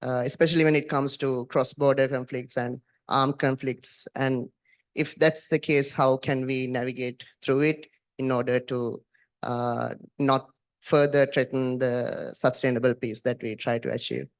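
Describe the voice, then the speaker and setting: A man's voice: mid-range voice, flat delivery, a little slow. A man from Sri Lanka standing in a large conference hall with a handheld mic, asking a panel a question with many hesitations. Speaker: audience questioner.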